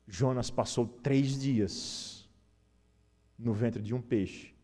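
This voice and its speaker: A man's voice: mid-range voice, warm tone. A man with a Brazilian Portuguese accent, preaching an Easter sermon as pastor and asking the congregation rhetorical questions.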